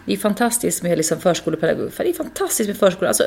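A woman in her thirties and a mother, telling candid, animated stories in a casual podcast chat. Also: medium pitch, a little hiss or hum. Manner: candid, animated storytelling with swearing. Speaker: podcast co-host.

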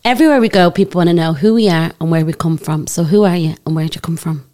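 A woman's voice: deep voice, fast talker, dark tone, soft background music. A woman hosting a casual interview, asking questions in an informal, conversational way. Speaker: podcast host, interviewer.

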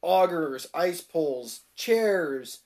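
A man's voice: fairly high pitch, animated, very slow, a crowd in the background. A man hosting a podcast, chatting casually and asking his guests questions. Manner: easygoing, asks guests questions. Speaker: podcast host.

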